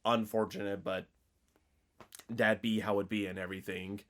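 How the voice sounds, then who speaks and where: A man's voice: on the low side, flat delivery, moderate pace. A man co-hosting a casual podcast, chatty, laughing often and filling his talk with "like". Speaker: podcast co-host. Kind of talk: casual chat.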